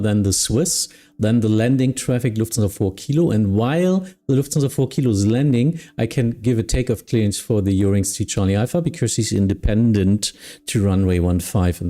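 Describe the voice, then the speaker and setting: A man streaming as an air traffic controller, mixing procedural clearances with casual chat. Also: fairly low pitch, fairly quick, few pauses, dark tone.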